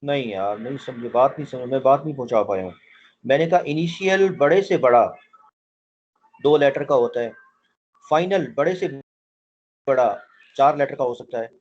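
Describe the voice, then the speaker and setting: A man's voice: medium pitch, expressive, moderate pace, long pauses, darkish tone, highs cut off. A man teaching a language class online, explaining things step by step and often repeating his point as he quizzes his students. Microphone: online call audio.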